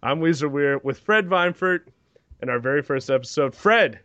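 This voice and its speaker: A man's voice: a little high, animated, normal speed, a bit bright, dry recording, lo-fi sound. A man in his thirties co-hosting a casual podcast, joking and laughing as he tells stories. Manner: jokey, laughs often. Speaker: podcast co-host. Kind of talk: casual chat.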